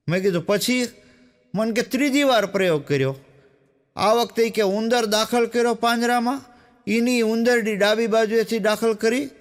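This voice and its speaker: High-voiced man telling folksy jokes. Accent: Gujarati, Saurashtra dialect. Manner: storytelling, quoting characters in dialogue. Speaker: stand-up comedian. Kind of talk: Gujarati joke telling.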